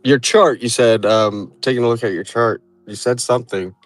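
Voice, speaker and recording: A man chatting casually on a crypto livestream, asking questions and reacting quickly. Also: medium pitch, dry recording.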